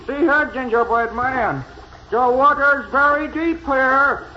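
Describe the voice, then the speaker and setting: A sly, wheedling fox in an old children's radio play. The voice is very high and bright, full of false politeness. The recording is lo-fi with a little noise. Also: male voice, slow pace, exaggerated voice. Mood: scheming, coaxing. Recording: noisy lo-fi old radio transcription.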